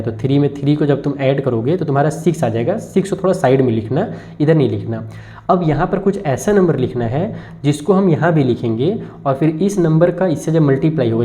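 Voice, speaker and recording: A man's voice: a little high, warm tone. A man teaching a maths lesson, explaining step by step and speaking directly to his students. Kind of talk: classroom math lesson. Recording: dull lo-fi recording.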